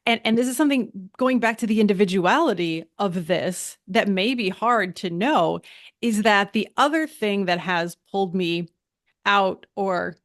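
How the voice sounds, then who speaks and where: Podcast host, woman, mid-pitch, talkative, trails off and restarts often. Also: a little slow, no echo, clean studio sound. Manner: chatty, self-interrupting with frequent restarts. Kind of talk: conversational interview.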